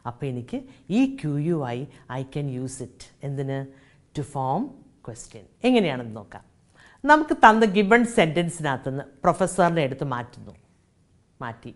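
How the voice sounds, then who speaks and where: Malayali woman, French teacher, low voice with lively intonation, methodical and patient. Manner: explains step by step, mixing in English and French example sentences; reads French examples slowly and clearly. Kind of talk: recorded classroom lesson.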